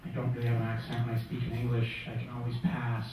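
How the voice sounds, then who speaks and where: A man from Russia answering on a literary panel in a bookstore, speaking thoughtfully with halting restarts. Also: medium pitch, completely flat delivery, noisy background. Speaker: panelist, writer. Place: bookstore event room. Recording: echoey room from far off.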